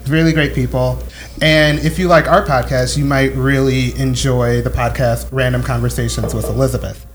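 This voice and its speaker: A man's voice: mid-range voice, little pitch movement, moderate pace, a little hiss or hum. A young man in his twenties co-hosting a live podcast, joking and laughing often as he wraps up. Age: 20s. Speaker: podcast co-host. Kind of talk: casual live podcast chat.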